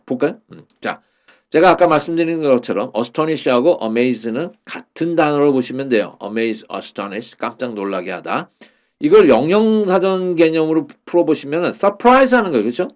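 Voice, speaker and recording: A man's voice: a little high, lively intonation. Man teaching English Bible verses. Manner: explains slowly, repeats English phrases with many fillers. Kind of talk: Korean-language lesson on English Bible verses.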